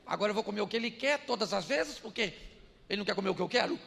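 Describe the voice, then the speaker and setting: An older man preaching as a pastor keeps things humorous, laughing often and acting out conversations at home. He talks very fast in a high, fairly bright voice with vocal fry and lively intonation. The recording carries the long reverb of a large hall.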